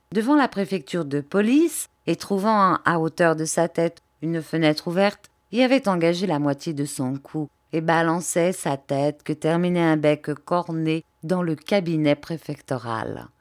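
A woman reading a fantasy novel aloud as an audiobook, in a measured, expressive narration. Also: fairly low pitch, dry recording, clean studio sound. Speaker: audiobook reader.

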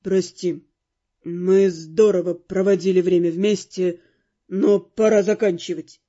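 A woman's voice: lowish voice, fairly even intonation, measured pace, warm tone, dull audio, voice pushed down. Woman doing a cold, curt young fire mage man. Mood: cold, dismissive. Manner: curt, dismissive, cutting. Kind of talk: audiobook character voice.

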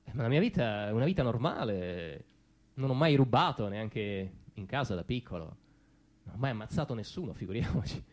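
A stage actor performs a comic theatrical monologue as a defensive ordinary middle-class father who dodges questions about his past, as though answering someone. His mid-range voice is sing-song and only lightly acted. He speaks hesitantly, halting and repeating himself.

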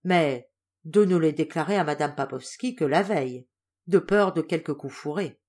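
A woman voicing a calm, loyal male servant in an audiobook, speaking in a reassuring, respectful manner. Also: low-pitched, normal speed.

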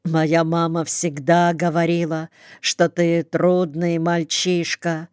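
Tearful impulsive young woman, hushed pleading voice, slow and even, smooth and dry, read by a woman in an audiobook. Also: fairly low pitch, dry recording.

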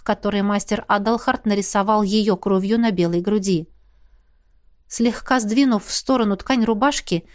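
A woman narrates a fantasy audiobook in a fairly high-pitched voice. Her delivery is even and measured, in the manner of steady scripted storytelling.

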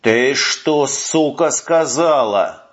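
A man voicing a furious young male sergeant who shouts and swears, on a muffled recording. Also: medium pitch, measured pace, natural voice. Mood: enraged. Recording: muffled lo-fi audio.

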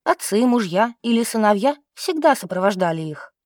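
A woman narrating an audiobook in a steady, expressive reading style. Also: mid-range voice, normal speed, dry recording, studio quality. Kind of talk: scripted narration.

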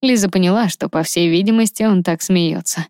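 A woman's voice: on the low side, fairly quick, darkish tone, dry recording, clean studio sound. Woman reading a fantasy audiobook. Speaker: audiobook narrator. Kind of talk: scripted narration.

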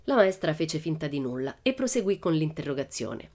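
A woman reading a children's storybook aloud in a lively, expressive narration. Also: low-pitched, normal speed. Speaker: audiobook reader.

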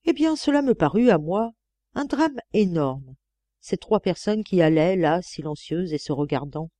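A woman narrates a classic novel as an audiobook in a measured, expressive way. Her tone is mellow and relaxed. The recording is dry and close. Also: on the low side, no echo. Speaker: audiobook reader.

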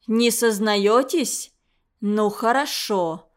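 A woman reading the part of a furious old woman who runs a boarding school, speaking slowly and hoarsely with menace. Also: on the high side.

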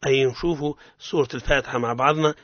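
A man with a Tunisian accent teaching Quran recitation on a radio lesson. He explains patiently and slowly draws out each example word, repeating it. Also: mid-range voice, steady tone, a bit bright, dry recording. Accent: Tunisian Arabic. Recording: dull, dry radio studio recording.

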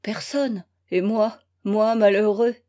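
A woman reading a novel aloud and voicing a young gentleman torn by remorse over a lost love, curt at first and then desperate. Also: mid-range voice, fairly even intonation, slow, natural voice. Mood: remorseful. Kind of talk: read-aloud novel, acted dialogue.

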